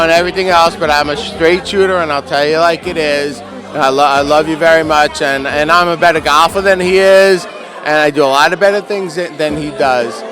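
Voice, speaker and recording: Rambling man toasting over party noise. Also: a little high. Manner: hesitant, jokey, self-boasting. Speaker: wedding guest. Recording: music and crowd behind.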